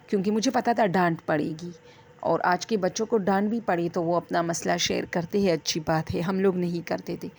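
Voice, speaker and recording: Gravelly-voiced woman telling a spooky story. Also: medium pitch, a little mellow. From Swat, Pakistan. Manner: chatty, addresses listeners as friends, digresses. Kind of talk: casual first-person horror storytelling.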